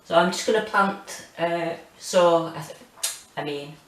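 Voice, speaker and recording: A British woman in her forties chatting casually and hesitantly as she gives a rambling home gardening tour, with a monotone, self-deprecating manner. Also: on the low side, a little slow, slight background noise. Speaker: gardening vlogger. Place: small home kitchen and windowsill, indoors.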